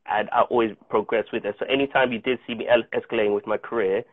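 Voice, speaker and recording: Over a video call from home, using an earphone mic, a South African actor in his thirties whose first language is Chichewa is the guest in a casual interview. He reflects earnestly as he tells stories, often starting over. His voice is fairly low and steady, and he talks fast, with tinny, dry, phone-like audio and no room sound.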